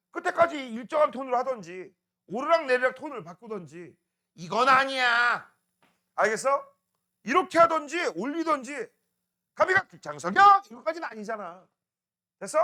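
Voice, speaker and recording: A man's voice: very high-pitched, pushed and bright. A middle-aged male science teacher, lecturing a class, teasing and scolding students while drilling mnemonics.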